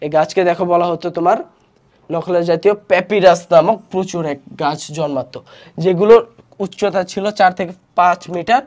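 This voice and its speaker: High-voiced young man teaching a class. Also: brisk, a little mellow. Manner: explains slides step by step, asks and answers own questions; many fillers and restarts. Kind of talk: online class lecture.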